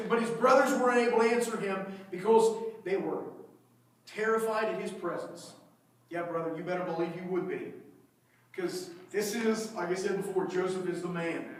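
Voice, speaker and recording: A high-pitched male pastor preaches in a big, echoing church sanctuary, heard from some distance away. He tells the story with animated energy and slips into the voices of its characters as he goes. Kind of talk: sermon.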